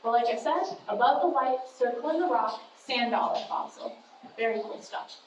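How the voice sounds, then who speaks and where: A woman guides a tour group through a cavern, chatty and informative and dropping joking asides. Her high voice carries from some distance off the camera. A heavy cave echo and steady noise surround every word. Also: moderate pace. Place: inside a limestone cavern. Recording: echoey cave from a distance, noisy.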